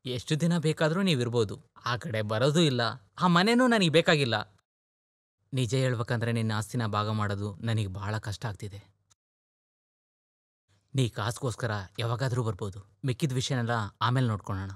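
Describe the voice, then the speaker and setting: An actor dubbing a firm but caring elder brother who talks insistently in a dubbed film. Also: male voice, medium pitch, a little fast, long pauses, dry recording, clean studio sound, close to an everyday voice.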